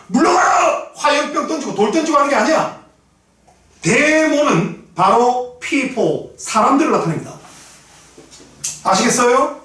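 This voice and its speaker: High-voiced, blunt, profane man teaching. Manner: blunt, profane, shouting at times, drills pronunciation. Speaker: English teacher. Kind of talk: classroom lecture. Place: classroom. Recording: very echoey room from far off.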